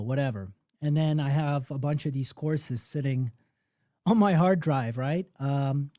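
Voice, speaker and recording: A man who grew up in Poland runs a live music-business workshop, telling stories in an animated, conversational way and frequently checking in with "okay?" and "right?". His voice is on the high side, and the recording is dry and studio quality.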